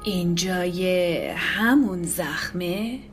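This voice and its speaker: A woman's voice: fairly low pitch, close to an everyday voice. McGonagall, a woman voicing a stern witch professor. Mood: worried. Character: stern middle-aged female witch professor, anxious. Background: faint music.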